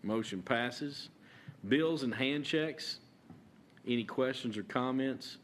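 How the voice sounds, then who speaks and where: A man chairing a county court meeting as judge, halting with many fillers and restarts. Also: medium pitch, slight background noise.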